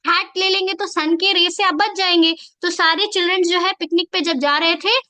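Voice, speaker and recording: A woman's voice: extremely high pitch, fairly even intonation, normal speed, sharp tone. A woman teaching Quran reading at a workshop, explaining steps and chanting syllables in singsong rhymes. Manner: explaining with frequent "theek hai" checks. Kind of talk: teacher training workshop lesson.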